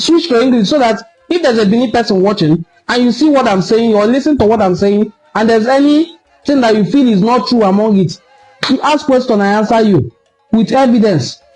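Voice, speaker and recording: A Nigerian man with a high voice, an online cultural commentator, delivers an impassioned solo commentary video. He lectures forcefully and repeats points for emphasis, and the recording quality is low.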